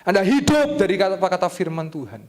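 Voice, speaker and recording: A young man with an East Javanese accent preaching a sermon as pastor, animated and joking, jumping to loud high exclamations. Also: fairly quick. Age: young adult. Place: church hall. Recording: long church-hall reverb.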